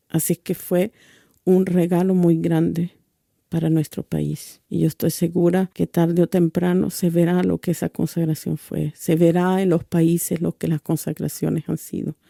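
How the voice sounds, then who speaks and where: A woman from El Salvador recounts her religious testimony with earnest conviction. Her voice is deep and mellow and stays on an even, unvarying line. The sound is close and dry, with no room around it. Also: creaky, no room sound. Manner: earnest storyteller who acts out quoted dialogue.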